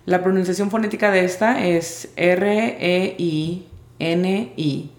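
A woman teaching English vocabulary in Spanish, spelling out each word's sounds slowly and carefully. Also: lowish voice, fairly even intonation, darkish tone, roomy sound. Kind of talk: vocabulary lesson.

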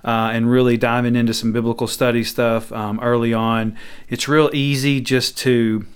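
A man's voice: mid-range voice, level tone, normal speed, clear, resonant tone. A man tells his story casually and informally, as a pastor and podcast guest. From Arkansas.

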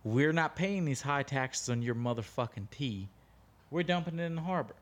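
A man's voice: medium pitch, animated, moderate pace. An American man co-hosting a podcast, opinionated and blunt, swearing freely in casual banter. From United States. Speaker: podcast co-host.

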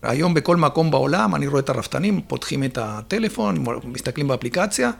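A man talks about dairy farming in an interview, explaining things one step at a time and pausing often to find his words. His voice is gravelly and a little husky, and it sits fairly high for a man. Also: expressive. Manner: explains step by step with many filler pauses.

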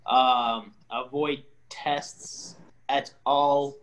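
Halting man in casual chat. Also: mid-range voice, steady tone, fairly bright tone. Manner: halting, many restarts and fillers, laughs at his own stories.

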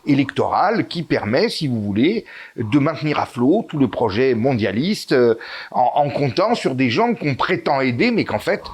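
This is a man from Italy being interviewed on politics, his medium-pitched voice sing-song and slightly breathy at a normal speed. He hesitates a lot, filling gaps and restarting often, while key words get pushed out with emphatic upward lifts.

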